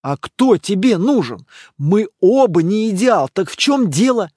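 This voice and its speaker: A man's voice: sits high, big pitch swings, measured pace, darkish tone, dry recording, studio quality, voice pushed up, heavily acted. A man doing a whiny, clueless young boyfriend. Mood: pleading. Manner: whiny, pleading, bewildered.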